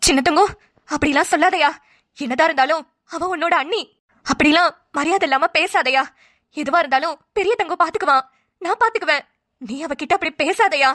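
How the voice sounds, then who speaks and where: A woman voicing a gentle, tearful mother in a cartoon, talking softly and pleadingly. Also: high-pitched, a little fast, dry recording, studio quality. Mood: soothing. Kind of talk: cartoon voice acting.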